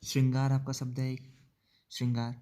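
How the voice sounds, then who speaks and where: A man teaching an exam-prep spelling lesson, explaining slowly, repeating words and asking checking questions. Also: medium pitch, steady tone, dark tone. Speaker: Hindi teacher.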